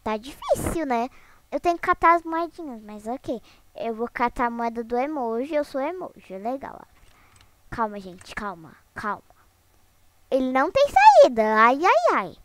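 A woman's voice: sits high, big pitch swings, normal speed, slight background noise. A young woman casually commenting on her Roblox gameplay as a channel host, chatty and giggly, often turning to her viewers and squealing when startled. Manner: chatty, giggly, lots of "né, gente?" asides.

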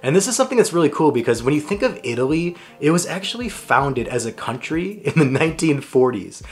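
A man's voice: on the high side, sing-song, fairly quick, soft background music. A young man narrating a travel food vlog in a chatty, enthusiastic, self-deprecating way. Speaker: travel vlogger.

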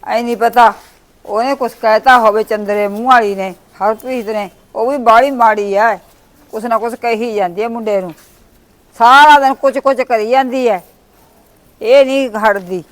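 Lady doing an old mum who frets and mutters, high voice. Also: a little fast, fairly bright tone. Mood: muttering. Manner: worried, scolding and muttering. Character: fretful old village mother, grumbling and protective. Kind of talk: family short-video acting.

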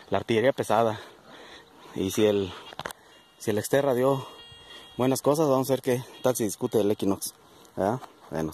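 Un hombre con acento mexicano que narra con tono de charla su búsqueda con detector de metales en un campo, hablándole a sus seguidores como amigos. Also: male voice, medium pitch, darkish tone, slight background noise. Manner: chatty, addresses viewers as friends. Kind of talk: casual outdoor vlog narration. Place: outdoors in a plowed field.

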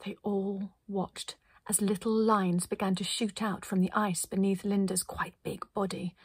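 A woman reading a children's story aloud in a gentle, playful way. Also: mid-range voice, level tone, a little slow, slightly rough, no echo, studio quality.

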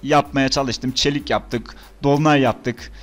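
A young man talking through a game in casual commentary, excitable and swinging between groans and outbursts. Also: mid-range voice, slow. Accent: Turkish. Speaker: gaming YouTuber. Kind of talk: casual let's-play commentary.

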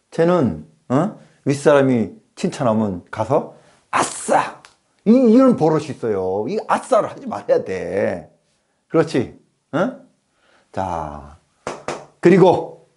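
A man plays a classroom teacher in a comedic skit, lecturing and scolding his pupils. He speaks slowly, with a pitch that rises and falls in lively swings, and he keeps tossing out questions to the class. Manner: scolding, rhetorical, keeps asking "어?". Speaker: comic playing a schoolteacher.

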